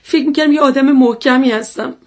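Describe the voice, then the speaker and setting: A shaken, tearful young mother. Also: high-pitched. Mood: upset. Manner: shaken, earnest and pleading. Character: hurt, tearful wife and mother. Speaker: mother in radio drama. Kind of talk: radio drama acting.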